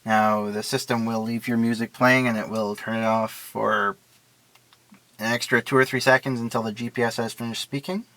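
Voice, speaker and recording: This man's product demonstration comes across as unscripted and relaxed, each step laid out in a plain, matter-of-fact way. His mid-pitched, somewhat bright voice shows little pitch movement, his pace is moderate, and there's no room sound.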